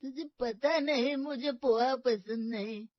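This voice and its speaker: Cartoon granny, older woman, slow and fussy, a touch high-pitched, played by a woman. Dull lo-fi sound. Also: dry recording. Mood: scolding. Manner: slow, scolding. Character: stern, fussy old grandmother. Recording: dull lo-fi dry recording.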